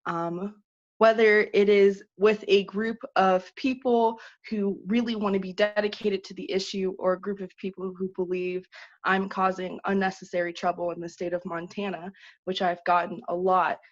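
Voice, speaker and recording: A woman giving an earnest, urgent personal speech as an awardee, pausing often on "um". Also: medium pitch, level tone. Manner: earnest, urgent, many 'um' fillers. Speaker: awardee speaking at a virtual ceremony. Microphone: video call. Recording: dull lo-fi video call audio.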